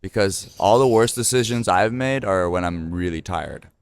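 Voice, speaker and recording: This podcast host, a man in his thirties, has a low, clear, resonant voice and keeps a moderate pace. His casual chat rambles, full of fillers and restarts.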